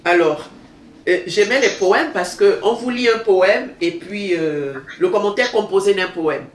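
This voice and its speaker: Woman with a thin, reedy, nasal voice, roomy sound. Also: medium pitch. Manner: halting, repeats phrases for emphasis. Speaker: host of a book show. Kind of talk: unscripted book discussion. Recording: roomy echo, distant mic, faint noise.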